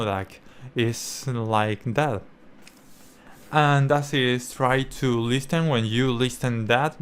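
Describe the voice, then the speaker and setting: A man talking casually to camera as a language-learning creator, halting and searching for words with many restarts. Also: medium pitch, slight background noise.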